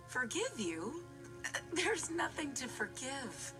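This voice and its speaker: Nala, a gentle lioness. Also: female voice, sits high, very animated, slow, heavily acted, poor audio. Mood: reassuring. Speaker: animated film and series character. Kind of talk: cartoon voice acting. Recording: clip played under music.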